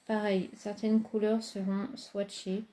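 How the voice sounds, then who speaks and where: A woman's voice: medium pitch, level tone, slow pace, mellow. A woman, casually reviewing makeup palettes in a chatty, hesitant way with many fillers. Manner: enthusiastic about products. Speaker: beauty vlogger.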